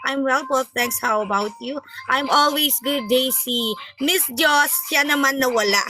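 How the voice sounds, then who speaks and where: A woman's voice: high voice, a little slow, music in the background. A young woman hosting a live stream, chatting playfully and teasing viewers, mixing in English phrases. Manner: playful, teasing, switches between Tagalog and English.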